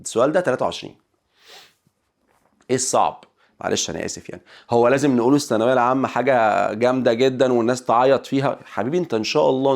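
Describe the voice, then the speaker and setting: A man with an Egyptian accent teaching an English lesson online, talking in an animated way and acting out his students' questions. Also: mid-range voice, gravelly. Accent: Egyptian Arabic.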